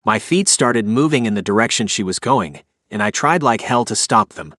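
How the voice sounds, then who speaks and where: A man's voice: lowish voice, lively intonation, moderate pace, a bit bright, no echo, studio quality. A man narrating a first-person romance audiobook with an emotive, inner-monologue delivery.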